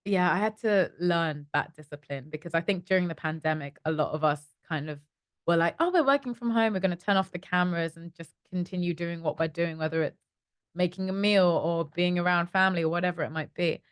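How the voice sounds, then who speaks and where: A woman's voice: lowish voice, brisk, clean tone, no echo. Chatty London woman, dry close sound. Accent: London English. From East London, England. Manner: chatty, animated storytelling with acted-out inner voices. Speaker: startup co-founder, guest. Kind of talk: casual interview chat.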